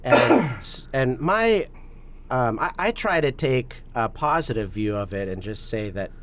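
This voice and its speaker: A man speaking as a guest on a podcast, explaining his views in a measured, earnest way. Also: medium pitch, lively intonation, a bit bright. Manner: measured, earnest, with many fillers and restarts. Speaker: guest, policy advocate. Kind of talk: podcast interview talk.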